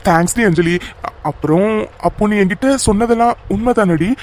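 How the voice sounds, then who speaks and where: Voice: medium pitch, fairly quick, a little hiss or hum, close to an everyday voice. A voice actor playing a playful young cartoon lover who keeps begging forgiveness in a wheedling, apologetic way. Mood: pleading. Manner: wheedling, apologetic with repeated endearments. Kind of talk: cartoon voice acting.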